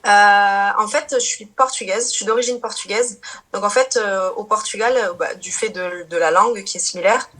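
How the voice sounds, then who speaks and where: A woman's voice: medium pitch, normal speed, fairly bright tone. Chatty woman in her thirties. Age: 30s. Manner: chatty, many fillers and restarts, laughs easily. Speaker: guest. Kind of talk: casual chat.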